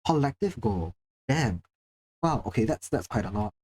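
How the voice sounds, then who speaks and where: With big pitch swings, a darkish and slightly rough tone, medium pitch and moderate pace, a Singapore livestreamer reads chat and talks casually with viewers. Chatty and quick to mock themselves, they curse now and then.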